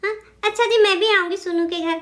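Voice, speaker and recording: A woman's voice: extremely high pitch, steady tone, fast talker. A woman voicing a haughty sister-in-law in a doll drama who complains and then apologizes. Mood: apologetic.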